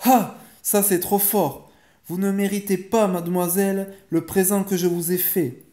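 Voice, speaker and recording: A man voicing a stern, quick-tempered mother who scolds sharply and impatiently, in a bedtime story reading. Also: fairly high pitch, expressive, dark tone, lightly acted. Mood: angry.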